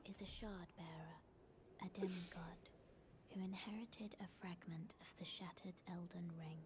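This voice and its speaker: An actress playing a solemn, mysterious maiden guide in a dark fantasy game, speaking in a grave, gentle, breathy whisper. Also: female voice, lowish voice, steady tone, moderate pace, natural voice. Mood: solemn, reverent. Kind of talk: fantasy video game dialogue.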